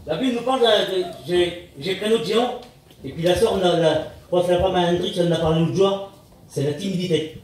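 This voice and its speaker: A man preaching a sermon in a plain-spoken, halting way, often restarting and calling out to the Lord. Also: fairly high pitch, a little mellow, a little hiss or hum. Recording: echoey hall, speaker far from mic.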